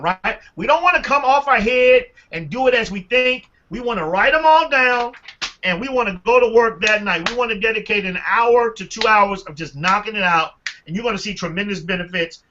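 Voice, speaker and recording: Man, high voice, animated coaching talk, calls out names, muffled video call audio. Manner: energetic, animated, calls on listeners by name. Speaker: team leader. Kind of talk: motivational training call.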